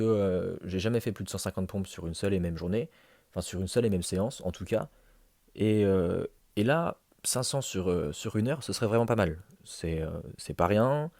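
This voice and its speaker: A man's voice: fairly low pitch, animated, normal speed, a little mellow, dry recording. A man giving a casual, conversational voice-over recap as a fitness challenge vlogger. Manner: informal, conversational, addressing himself and viewers.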